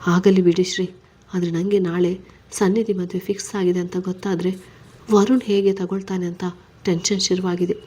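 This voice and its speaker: A woman's voice: fairly low pitch, flat delivery, moderate pace, dark tone, breathy edge. A woman reading a story, voicing a stubborn but tender young husband who is weary and troubled.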